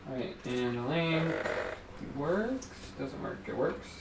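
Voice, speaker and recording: A man's voice: on the high side, expressive, slow pace, creaky. A man co-hosting a livestream, chatting and joking casually. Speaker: livestream co-host. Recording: distant mic in echoey, noisy room.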